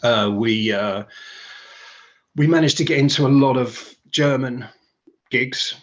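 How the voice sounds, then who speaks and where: A man's voice: mid-range voice, slow pace, highs cut off. A British man, a guitarist being interviewed, talking casually and rambling with fillers and restarts. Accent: British English.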